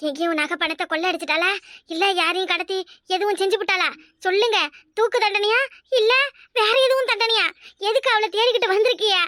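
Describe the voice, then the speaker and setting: A woman's voice: fairly even intonation, no room sound, clean studio sound. A woman voicing a meddling, nosy village gossip in a cartoon, with a Kanyakumari Tamil accent, prying and eager to tell tales. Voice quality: high, bright, quick cartoon voice. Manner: prying, tattling, eager to inform. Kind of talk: cartoon voice acting.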